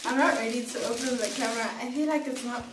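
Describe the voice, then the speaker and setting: A woman's voice: on the high side, fairly even intonation, quick pace. Giggly young woman vlogging from across a room. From South Africa. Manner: gushing, giggly, fillers like "um" and "like". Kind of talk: excited unboxing vlog. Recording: echoey room, far from mic, clear background noise.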